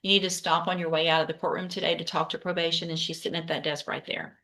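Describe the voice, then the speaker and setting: A woman speaking as a judge in a courtroom, brisk and direct, running through formal proceedings and questions. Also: on the low side, level tone, pushed and bright. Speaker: judge presiding over a court docket.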